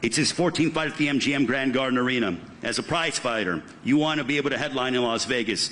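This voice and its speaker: A man hosts a boxing press conference in the style of a fight promoter, speaking fast in a medium-pitched, fairly bright voice. His delivery is polished and punchy, and he puts strong emphasis on names and titles.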